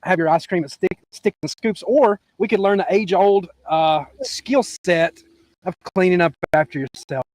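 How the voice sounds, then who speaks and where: High-pitched scolding deadpan man. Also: normal speed. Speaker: concerned citizen in comic video.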